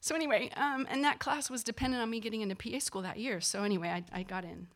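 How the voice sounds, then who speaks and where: Speaking at a quick pace in a slightly high voice, a woman who works as a physician assistant recounts a personal story. She's casual and animated, voicing the people she quotes, with plenty of fillers.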